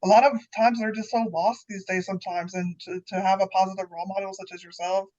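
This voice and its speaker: A woman hosting a podcast in casual chat, encouraging and quick to laugh. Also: medium pitch, steady tone, mellow. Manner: chatty, encouraging, laughs easily. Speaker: podcast host. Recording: slightly dull lo-fi sound.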